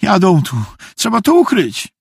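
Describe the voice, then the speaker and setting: A man voicing a panicked village boy who stammers and rushes his words in a hoarse whisper. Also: high-pitched, big pitch swings, no echo, studio quality, voice pushed up, heavily acted. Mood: urgent, panicked.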